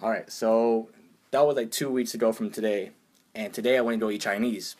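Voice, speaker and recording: A man's voice: fairly low pitch, fairly even intonation, brisk, darkish tone. A young man telling everyday stories in a casual, exasperated rant, acting out other people's lines in a raised voice. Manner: exasperated, uses slang. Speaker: vlogger.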